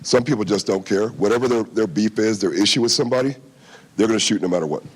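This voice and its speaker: A man's voice: on the low side, fast talker, breathy edge, poor audio. A man answering interview questions as a police chief, unscripted.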